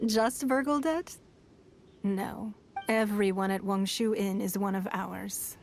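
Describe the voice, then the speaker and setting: A woman playing a poised, wealthy, shrewd lady ruler in an anime video game, elegant, formal and quietly amused. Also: medium pitch, fairly even intonation, slow pace, slight background noise. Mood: knowing, measured. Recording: music playing behind the voice.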